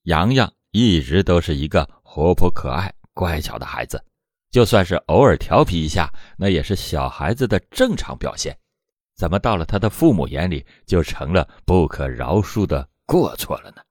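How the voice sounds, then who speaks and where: A man's voice: low voice, sing-song, moderate pace, no room sound, clean studio sound. A man hosting a true crime storytelling show, narrating a court case from a script with dramatic emphasis at the start of phrases.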